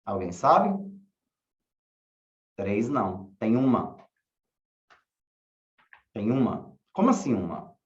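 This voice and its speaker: A man teaching a class, asking questions slowly and repeating key words. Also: fairly low pitch, sing-song. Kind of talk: online class lecture. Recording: echoey room, dull lo-fi sound.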